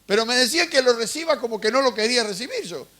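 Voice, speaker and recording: A man's voice: extremely high pitch, animated, fast, sharp tone. A man preaching a sermon as pastor, telling stories and putting questions to the congregation. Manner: conversational storytelling with questions to the congregation.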